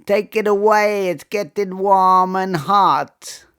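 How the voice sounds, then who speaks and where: A man voicing a friendly, skinny 60-year-old deckhand from the Caribbean, speaking in a high-pitched voice with a strong Caribbean accent and excitable exclamations. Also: slow pace, clear, resonant tone, full character voice. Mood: exclaiming.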